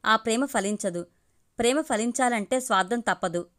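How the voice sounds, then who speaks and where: A woman's voice: fairly high pitch, normal speed, fairly bright tone, close to an everyday voice. A woman voicing a defiant young wife who argues bitterly about love, in a read-aloud story. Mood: heated.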